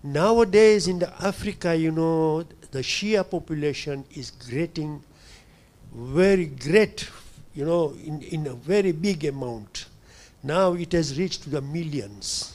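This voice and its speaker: An older man from Tanzania, an audience member asking a question, speaking hesitantly and often pausing to search for words. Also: on the high side, lively intonation, a little mellow. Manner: hesitant, fills pauses with "you know".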